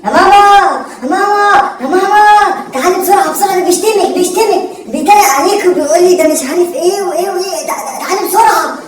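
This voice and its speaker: A woman's voice: a little high, expressive, racing, lightly acted. A woman with an Egyptian Arabic accent acting a cheeky, vain son who teases his father and boasts about his singing in a homemade comedy sketch. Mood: shouting. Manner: teasing, boastful, sings off-key on purpose. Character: cheeky male son, vain would-be singer. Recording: echoey room, far from the mic, faint hiss.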